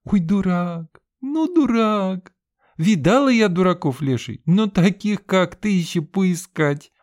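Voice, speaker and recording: A male reader voicing a bossy, quick-tempered young female student who scolds in a shrill, exasperated way. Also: sing-song, darkish tone. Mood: scolding.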